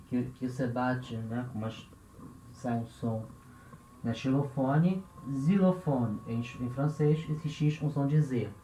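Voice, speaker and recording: A man's voice: on the high side, darkish tone. A Brazilian man teaching a language lesson, patiently repeating each example word and checking in with the listener after nearly every phrase. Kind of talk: classroom-style language lesson. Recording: roomy, dull lo-fi recording.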